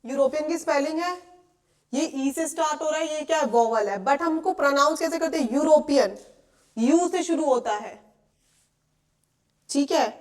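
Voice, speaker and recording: High-voiced Indian woman teaching English. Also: normal speed, long pauses. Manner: explains patiently, asks checking questions often. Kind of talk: classroom lecture.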